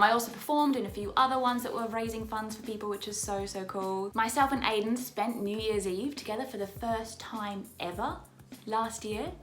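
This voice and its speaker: Speaking at a medium pitch with a slightly bright tone, a young Australian woman whose accent has begun taking on English traits chats to camera from home. She's a vlogger and musical theatre performer, bubbly and quick to laugh, leaning on repeated words for emphasis.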